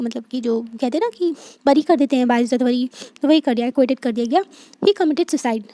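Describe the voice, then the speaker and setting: A woman teacher explaining a history textbook chapter, reading lines slowly and then explaining them in a chatty way with frequent check-ins. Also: high voice, warm tone, no room sound. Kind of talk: explaining a textbook lesson to students.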